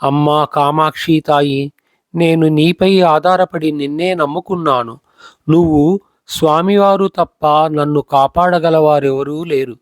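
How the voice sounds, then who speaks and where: A man's voice: on the high side, no room sound, close to an everyday voice. A man voicing a devout old grandmother who pleads and frets in a storybook reading. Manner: pleading, anxious.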